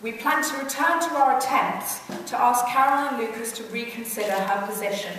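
A woman's voice: fairly high pitch, normal speed, a bit bright, a little hiss or hum. A woman activist giving a formal statement to a meeting. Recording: echoey hall from far off.

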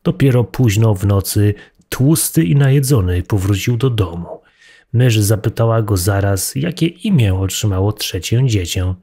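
A man reading a fairy tale aloud in a slow, expressive storytelling manner. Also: lowish voice, slightly rough.

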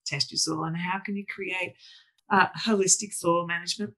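Bright-voiced enthusiastic woman host. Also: on the low side, fairly even intonation, normal speed, rough recording. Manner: enthusiastic, rambling with many restarts. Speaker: podcast host. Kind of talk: conversational interview.

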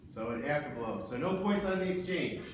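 A man with a fairly high, swooping voice referees a combat sport bout in booming, commanding calls. His delivery is measured, like an announcer giving rulings. The sound is very echoey, picked up from across the room. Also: lively intonation. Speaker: match referee. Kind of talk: refereeing a martial arts sparring match. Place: large indoor gym with rubber floor. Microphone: distant camera microphone. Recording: distant camera in echoey hall, background noise.

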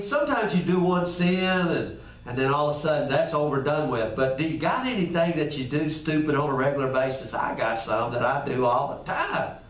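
A man preaching a sermon in a folksy, conversational way. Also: on the high side. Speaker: pastor. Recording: echoey room, picked up from a distance.

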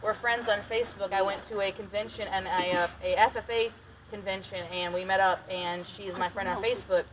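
A Detroit native raised partly in Tennessee, this cave boat guide talks a lot, joking and giggling while telling stories on an underground lake. Her mid-range voice is steady and fairly quick. The recording, made on a passenger's camera at a distance, has slight background noise and people chattering.

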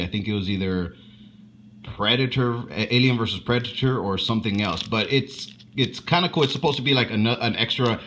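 A man with a fairly low voice talks loosely through an unboxing, stopping and restarting often and swearing as he goes. A faint hiss sits under his voice. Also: a bit bright. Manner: rambling, profane, halting. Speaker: unboxing vlogger. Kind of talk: casual unboxing commentary.

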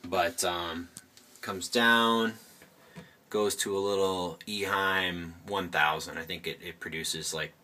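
A man's voice: deep voice, fairly even intonation, takes it slowly, sharp tone. A man casually walking viewers through his home project, rambling and correcting himself as he goes, filmed on a handheld camera indoors at home. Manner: rambling, self-correcting, addresses viewers as guys. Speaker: hobbyist host. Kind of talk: casual walkthrough.

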